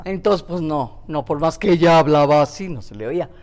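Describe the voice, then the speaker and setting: A woman's voice: sits low, a little fast. A woman co-hosting an interview in a guest's home, talking in a playful, exclamatory way full of interjections. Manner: animated, playful teasing. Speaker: co-host. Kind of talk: lively interview chat.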